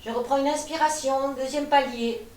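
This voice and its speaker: A high-voiced woman leads a gentle gym class. She calmly cues each inhale and exhale while demonstrating the moves. Her voice sounds echoey and a bit distant from the mic. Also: normal speed. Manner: calm, cueing breaths, demonstrating as she talks. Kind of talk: guided exercise class.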